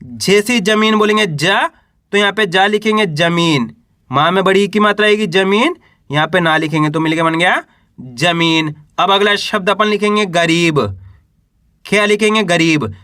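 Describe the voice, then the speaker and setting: Patient high-voiced man teaching reading. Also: moderate pace, sharp tone, dry recording, clean studio sound. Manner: patient, sounds out syllables then asks and answers himself. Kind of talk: slow spelling lesson for beginners.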